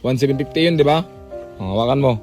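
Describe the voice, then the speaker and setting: A man's voice: medium pitch, quick pace, a little mellow, soft background music. A young adult man hosting a casual vlog, coaxing and repeating short phrases again and again. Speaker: vlogger host.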